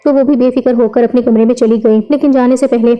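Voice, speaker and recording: A woman narrating a scripted emotional story in a steady storytelling manner. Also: a little high, lo-fi sound.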